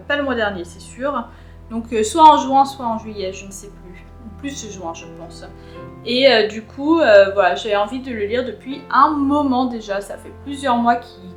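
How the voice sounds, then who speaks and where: A woman's voice: a little high, roomy sound. A young woman chatting casually about her reading plans, rambling with many fillers and restarts. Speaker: booktuber. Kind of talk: casual chat.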